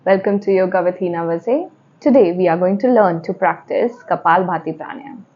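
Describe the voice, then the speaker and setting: A woman's voice: fairly low pitch, fairly quick, lo-fi sound. A woman with an Indian accent giving spoken yoga instruction step by step, repeating and rephrasing key points as she goes.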